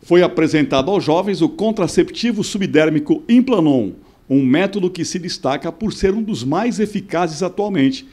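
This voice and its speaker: Lively male news voice-over. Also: high voice, normal speed. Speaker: news reporter. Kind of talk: news narration.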